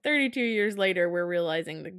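A woman around thirty co-hosting a podcast, retelling a film in an animated, giggly way and acting out the quotes. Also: fairly low pitch, brisk, clean tone, dry recording, clean studio sound. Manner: animated, giggly storyteller who acts out quotes. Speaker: podcast co-host. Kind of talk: casual chat.

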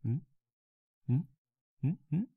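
Man playing a slow, soft-spoken boyfriend, binaural role-play. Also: a little high, very animated, gravelly, slightly rough, no room sound, narrow, tinny audio, exaggerated voice. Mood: playful teasing. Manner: intimate binaural murmur close to the listener's ear; slow, coaxing, playful. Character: tender, teasing young boyfriend at bedtime. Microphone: very close binaural microphone, dry.

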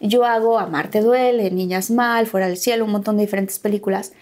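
A woman's voice: mid-range voice, a little fast. A Mexican woman with a Mexican accent, an actress telling stories from her life in a casual interview and acting out the dialogue. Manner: animated, acts out quoted dialogue.

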